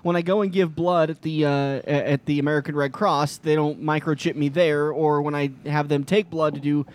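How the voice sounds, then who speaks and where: A man hosting a casual whiskey podcast, chatty and quick to laugh. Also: on the high side, fairly even intonation, smooth. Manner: loose, chatty, laughs easily. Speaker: podcast host. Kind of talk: casual chat.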